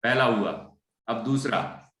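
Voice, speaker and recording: A man teaching a class, patiently correcting recitation and repeating syllables slowly. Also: medium pitch, animated, a bit bright, echoey room, rough recording. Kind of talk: online class correcting pronunciation.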